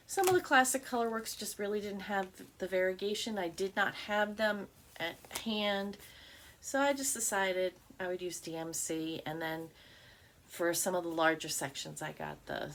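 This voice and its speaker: A woman's voice: medium pitch, a bit bright, a little hiss or hum. A middle-aged woman chatting casually about her stitching, rambling with fillers and restarts. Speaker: cross stitch vlogger. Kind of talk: casual chat.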